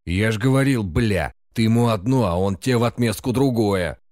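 A man voicing a drunk, coarse thug in a gang, yelling and swearing. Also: low voice, very animated, slow, no room sound, studio quality, full character voice. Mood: excited. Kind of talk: audiobook character voice.

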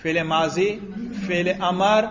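Higher-voiced man teaching in a lecture. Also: steady tone, background noise. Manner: asks students questions and answers them himself; chants Arabic example phrases slowly. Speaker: religious teacher lecturing on Arabic grammar. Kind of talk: classroom lecture. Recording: dull lo-fi recording.

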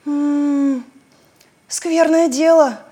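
A woman voicing a gentle, thoughtful female cow with a soft way of talking. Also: high-pitched, steady tone, extremely slow, pitched above the performer's own voice.

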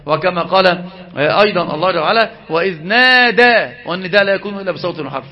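A man giving an animated Islamic lesson, asking his listeners questions and answering them himself. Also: high voice, racing, highs cut off. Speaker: religious teacher.

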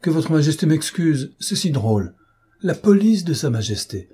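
A proud gentleman thief, all mockery and self-assurance, as a male audiobook reader puts him on. The voice sits noticeably higher than the reader's own and lands hard, with a husky, mellow grain. Forceful storybook delivery. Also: sing-song, normal speed, full character voice. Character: defiant proud gentleman thief, adult man. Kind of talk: audiobook character reading.

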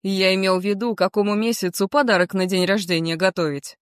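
A woman's voice: mid-range voice, fairly even intonation, fairly quick, no echo, clean studio sound, close to an everyday voice. A woman reading as an earnest young man. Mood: earnest, warm. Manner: sincere, gently persuasive. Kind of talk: audiobook character reading.

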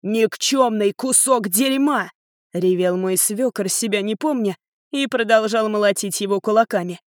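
A woman reading a novel aloud in a calm, detached narrating voice. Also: medium pitch, no echo, clean studio sound. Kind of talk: audiobook narration.

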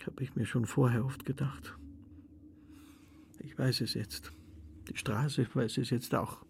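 A man playing a dead older shop owner in a literary radio drama. He broods and often sinks into hushed whispers. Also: mid-range voice, fairly even intonation, takes it slowly, creaky, slight background noise. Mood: haunted.

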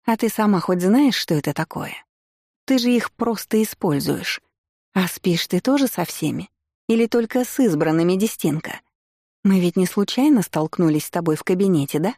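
A woman's voice: lowish voice, animated, moderate pace, mellow, dry recording, clean studio sound. A woman voicing a sneering jealous witch. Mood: accusing. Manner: accusing, sneering. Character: furious jealous young aristocratic witch woman. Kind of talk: audiobook character voice.

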